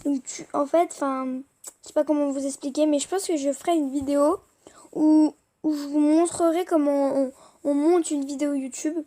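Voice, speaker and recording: In a casual screen recording, a young woman speaking French shows off the apps on her tablet, rambling with hesitation and plenty of fillers. Her voice is high with a dark tone, fairly even intonation, and a moderate pace.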